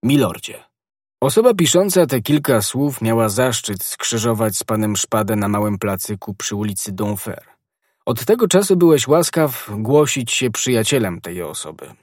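A man voicing a refined, self-assured poet musketeer in an audiobook, speaking gently and slowly with stress on each phrase. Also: medium pitch, animated, no room sound, clean studio sound, natural voice. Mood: reading aloud. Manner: gentle, measured, emphatic reading.

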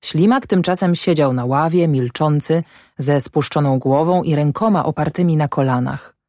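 Woman, audiobook narrator, classic novel, measured storytelling, low voice, dry close recording. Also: mellow, no room sound.

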